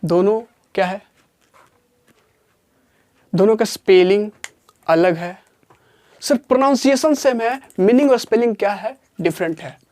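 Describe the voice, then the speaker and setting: A grammar teacher giving a classroom lesson, repeating each point and slowly dictating definitions word by word. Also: mid-range voice, lively intonation, darkish tone. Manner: repeats points and asks questions before answering them.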